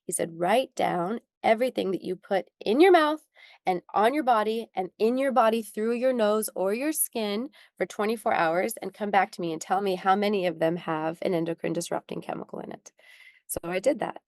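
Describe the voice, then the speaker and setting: With a mid-range, darkish voice at a moderate pace, a young adult skincare founder recounts a personal story in an interview. The recording is dry. She speaks earnestly, says um a lot, and sometimes nears tears.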